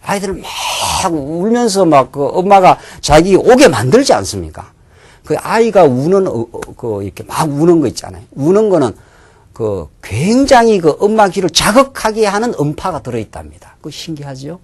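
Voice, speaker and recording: A man preaching a sermon in a church, asking his listeners questions and answering them himself, sometimes dropping to a hushed near-whisper. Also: a little high, big pitch swings, normal speed, husky. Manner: drops to a hushed near-whisper for inner thoughts. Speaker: pastor.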